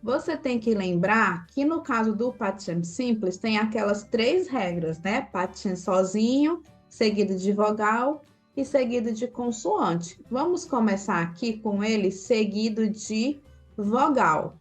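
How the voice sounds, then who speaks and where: A woman teaches a beginner language lesson in an unhurried, patient way. Her voice sits a little high, and she lingers on each example sound. Faint music plays quietly behind her. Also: animated. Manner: patient, asks learners questions and answers them; draws out example syllables slowly. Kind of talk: slide-based language lesson.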